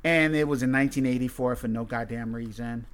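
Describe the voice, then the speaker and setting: A podcast host with a mid-range voice chats casually, talking a little fast. His style is blunt, profane and rambling.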